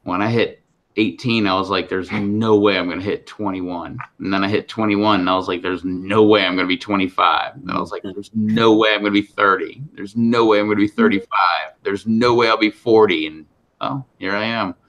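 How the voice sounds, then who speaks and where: A man's voice: fairly low pitch, fairly even intonation, fairly quick, a bit bright. A man in his forties co-hosting a casual chat with friends, teasing in a dry way and telling stories. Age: 40s. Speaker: co-host.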